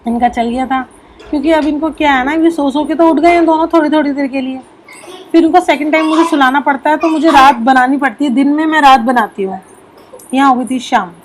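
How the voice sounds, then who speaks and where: A young woman narrates her family vlog in a high, light voice. She talks in a chatty, homely way, padding her sentences with fillers. Her throat is still a little sore from a recent illness. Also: fairly quick, a little hiss or hum. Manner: chatty, homely, full of fillers like "theek hai". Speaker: vlogger, mother of two.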